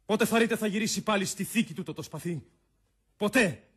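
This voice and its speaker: Octavius, a stubborn young Roman general in a radio drama. His voice sits a little high and husky. He declaims his lines firmly. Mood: defiant. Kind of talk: classic radio drama acting.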